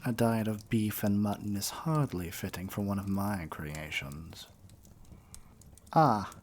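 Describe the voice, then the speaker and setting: In an ASMR roleplay, a man with a fairly low voice plays a haughty, menacing evil sorcerer king, taking his time. He sounds pompous, theatrical, and condescending, with an irritated, cruel mood.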